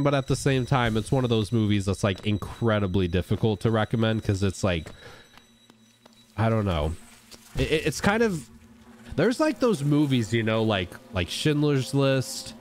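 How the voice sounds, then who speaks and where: Animated chatty male game streamer. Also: slight background noise. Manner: chatty, rambling, greets and answers chat viewers; animated, jumps into high excited outbursts. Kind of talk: casual live-stream gameplay chat.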